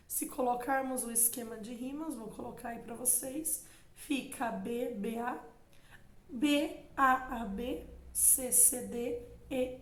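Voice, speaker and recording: A young woman with a Brazilian Portuguese accent, teaching a literature lesson for an exam, reading verse aloud and explaining it directly to students. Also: a little high. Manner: explains slowly, addresses students directly, reads verse with emphasis. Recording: echoey room.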